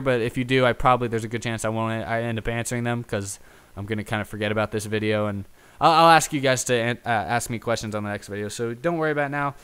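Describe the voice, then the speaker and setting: This is the host of a YouTube racing talk show, a young man whose mid-range voice is fairly bright, clear and resonant. His unscripted solo chat is casual and meandering, full of self-deprecating humor.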